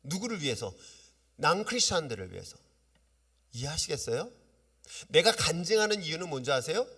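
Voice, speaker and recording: A man preaching a sermon as pastor, lively and often asking his congregation questions. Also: on the high side, a little fast, slightly rough. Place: church sanctuary. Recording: long reverb of a church hall.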